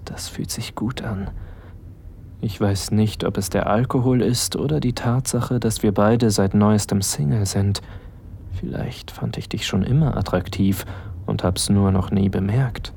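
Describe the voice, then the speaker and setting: Speaking breathily and often slipping into whispers, an actor voices a young man who is aroused, unsure, and in love with his best friend. His voice sits lowish, and a little hiss or hum can be heard in this intimate audio drama.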